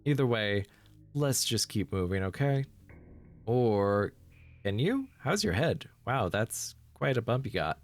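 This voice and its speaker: A man's voice: medium pitch, very animated, unhurried, soft background music. A man voicing a rattled, sarcastic young student survivor in a horror game, informal and exclamatory. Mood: urgent, chatty. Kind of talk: amateur game dialogue voice-over.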